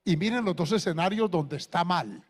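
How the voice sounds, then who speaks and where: A man pastor with a Colombian accent, preaching a sermon that swings between loud exhortation and hushed anecdotes. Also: sits high, animated, normal speed, big-room sound. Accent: Colombian Spanish.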